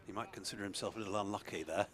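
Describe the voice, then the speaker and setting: A man commentates live on cricket in a slightly low voice. He is measured and understated, favouring wordy, considered phrasing as he describes play. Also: background noise.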